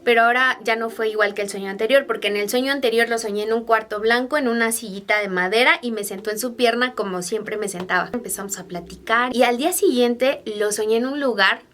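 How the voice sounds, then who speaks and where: A woman's voice: fairly high pitch, quick pace, few pauses, fairly bright tone. A young woman telling personal stories to camera in a chatty way, full of fillers and asides to her viewers. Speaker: vlogger.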